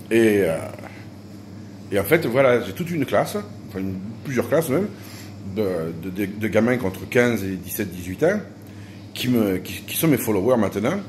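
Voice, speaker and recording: A man's voice: medium pitch, a little mellow, a little hiss or hum. A man, rambling and joking in a casual vlog monologue, often restarting his sentences. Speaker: YouTuber.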